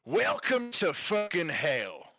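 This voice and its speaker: Man acting a blunt, sardonic guide with lively pitch. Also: takes it slowly, no echo, highs cut off, exaggerated voice. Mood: exasperated, sardonic. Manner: blunt, swearing, taunting.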